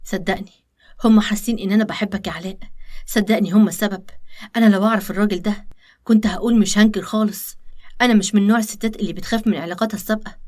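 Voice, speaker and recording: A woman with an Egyptian accent voicing a scheming young woman who pleads insistently with the man she loves, in an animated story. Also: medium pitch, racing, natural voice. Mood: pleading. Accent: Egyptian Arabic.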